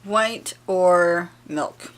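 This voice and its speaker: A woman's voice: on the low side, extremely slow. A woman vlogger in casual, playful chat who often breaks into giggles while reading out survey questions.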